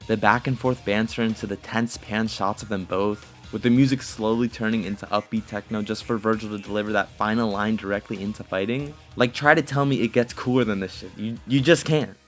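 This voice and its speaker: A man's voice: lowish voice, fairly even intonation, fairly quick, hardly any pauses, fairly bright tone. A man giving scripted video game commentary as an essayist, in a casual, profane manner. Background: music.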